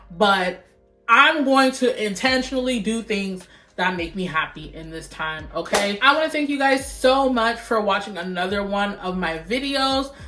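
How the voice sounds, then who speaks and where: Young female vlogger, playful sing-song delivery, mid pitch, roomy echo. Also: fairly bright tone. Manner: sing-songy, playful, breaks into little chants. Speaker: YouTube vlogger. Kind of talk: casual vlog chat to camera. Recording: roomy echoey room.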